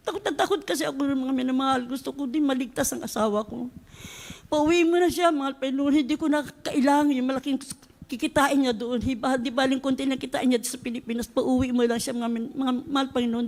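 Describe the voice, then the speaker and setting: Church testimony speaker: fervent middle-aged woman, high voice. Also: a little mellow. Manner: fervent, repeats a fond address to the congregation often. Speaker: church member giving testimony.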